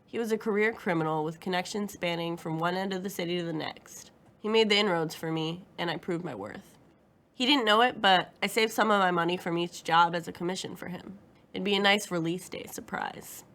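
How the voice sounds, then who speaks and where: A woman narrating a first-person crime story in a steady, matter-of-fact, wry way. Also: on the low side, a little fast.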